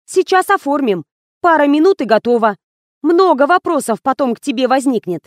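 Stern woman investigator, read by a woman, curt and commanding, raised pitch, audiobook. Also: animated, normal speed, no echo, clean studio sound.

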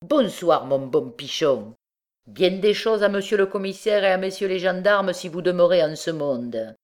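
A woman's voice: on the low side, animated, moderate pace, darkish tone, close to an everyday voice. A woman reading an audiobook, voicing a sly, mocking old male beggar turned bandit.

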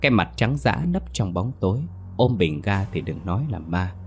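A man narrating a ghost story in a steady, grave manner. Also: low-pitched, moderate pace, slight background noise. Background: faint music.

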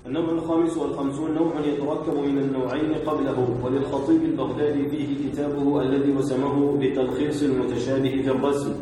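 A man, a student in a lesson, reading a classical text aloud in a steady recitation of names and lists. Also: medium pitch, quick pace, few pauses. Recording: very echoey hall with faint noise.

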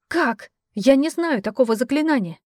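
A woman's voice: high voice, lively intonation, moderate pace, dry recording, studio quality, voice pushed up. A woman reading an audiobook, voicing a frightened young woman mage who speaks anxiously and pleadingly.

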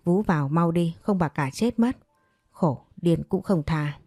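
Woman voicing a jumpy young maid, runs her mouth quick, mellow low voice. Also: slightly rough, no room sound, studio quality, faint music behind. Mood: urgent. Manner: quick, blurting. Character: young servant girl, quick-tongued and anxious.

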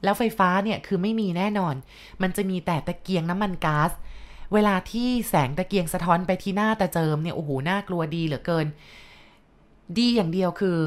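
A woman's voice: lowish voice, a little fast. Chatty woman telling a ghost story. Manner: chatty with asides to the listener. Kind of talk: casual ghost-story narration.

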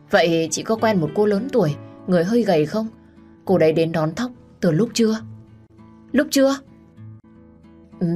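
A woman's voice: lowish voice, darkish tone, close to an everyday voice. A woman voicing a flustered, apologetic young female schoolteacher in an audio story. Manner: anxious, pleading, polite.

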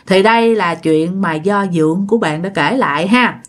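A woman's voice: fairly low pitch, moderate pace. A woman with a Southern Vietnamese accent, chattily retelling a listener's ghost story and repeating words for effect.

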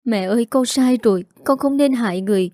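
A guilt-ridden young woman, as a woman reads her part in a drama recap. She pleads in a frightened, mellow voice. The recording is dry. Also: a little high, a little fast, dry recording, close to an everyday voice.

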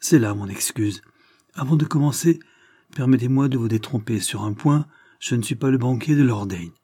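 A man reading the part of a shrewd, authoritative police chief in an audiobook, measured and explanatory. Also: mid-range voice, warm tone, slightly rough, no room sound, studio quality, lightly acted. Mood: firm.

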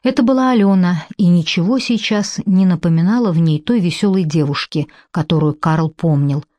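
Low, warm-voiced woman narrating. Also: moderate pace, no room sound. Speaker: audiobook narrator. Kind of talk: scripted narration.

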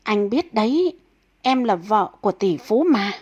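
A woman's voice: medium pitch, very animated, unhurried, darkish tone, breathy edge, dry recording. A calculating young wife of a wealthy man, as a woman voices her, coy and matter-of-fact. Comic read-aloud story.

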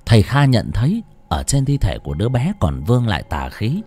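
A man narrating a story in a dramatic, expressive way. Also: medium pitch, brisk, husky, faint music behind. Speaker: audiobook narrator.

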